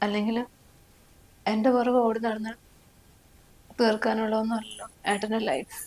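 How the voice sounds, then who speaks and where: A sick, resigned young wife, acted by a woman pleads softly while crying. Her voice is a little high but held flat, with little rise and fall, and faint music plays behind her. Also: normal speed, poor audio. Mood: tearful. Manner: soft, pleading, flat delivery. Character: ill, tearful young wife, gentle and resigned. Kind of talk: family short film acting.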